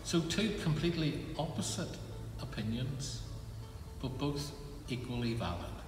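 In a measured, gentle and reassuring manner, an older minister with a medium-pitched voice gives a pastoral announcement to his congregation. He's recorded on a phone camera, close up and then from a distance, in a big empty church whose long reverb carries his voice. Music plays clearly in the background.

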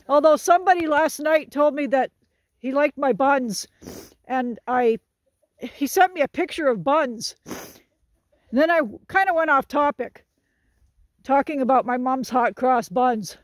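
A woman in her sixties vlogs on a hilltop trail while hiking with a group, holding her phone as she walks and chatting to the camera. Her voice is high and unhurried, with long pauses, and she jokes and laughs a lot. There's no echo.

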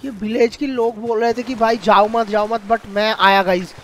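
A man giving excited live commentary over his gameplay, talking to his viewers. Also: sits high, moderate pace, slight background noise. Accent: Hindi-speaking Indian. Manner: excitable, addresses viewers as guys.

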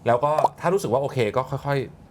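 A man's voice: mid-range voice, fast, noisy background. A man giving casual, reassuring instructions as a coach, often repeating his phrases. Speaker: ice bath coach. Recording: background music under the voice. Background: music.

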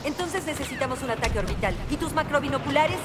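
Fast, decisive squad commander. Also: female voice, sits high, expressive. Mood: firm, urgent. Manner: crisp, commanding military talk. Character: decisive female special forces squad commander in battle. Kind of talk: video game voice acting, Spanish dub. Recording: loud battle music over voice.

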